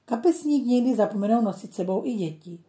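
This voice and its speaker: Kindly old grandpa for a children's storybook, read by a woman, gentle and mellow. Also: fairly high pitch, animated, echoey room, pitched above the performer's own voice, natural voice. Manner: gentle, teaching tone.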